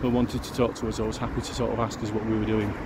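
A man's voice: fairly low pitch, little pitch movement, rapid-fire. A man giving a casual walking-tour commentary outdoors, musing aloud with fillers. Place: outdoors on a city street. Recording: outdoor street noise behind.

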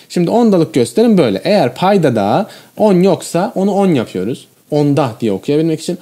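Man teaching math, lively and mellow. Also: on the high side. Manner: explains step by step, often checks in with the viewer. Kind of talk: whiteboard math lesson.

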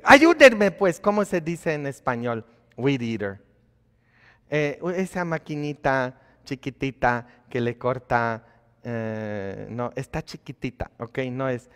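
A man, a priest, preaching a sermon in a conversational way, asking his congregation questions and shifting between quiet asides and loud emphatic lines. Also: mid-range voice, clear, resonant tone. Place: church. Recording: long hall reverb of a church.

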